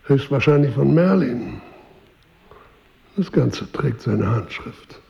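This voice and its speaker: A man playing a calm, principled king in a radio play, speaking in a measured, stately way with a gravelly voice. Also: mid-range voice, highs cut off. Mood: musing. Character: calm, principled King Arthur, courtly and firm.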